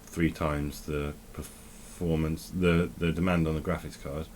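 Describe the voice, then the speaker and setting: A man's voice: extremely low pitch, little pitch movement, unhurried, darkish tone, a little hiss or hum. A man giving casual, rambling commentary while playing a game, often correcting himself and thinking aloud. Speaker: tech vlogger.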